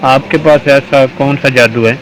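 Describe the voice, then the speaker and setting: A man's voice: medium pitch, steady tone, fairly bright tone, a little hiss or hum, close to an everyday voice, rough recording. A man reading as a frightened teenage girl. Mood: anxious. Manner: pleading, anxious.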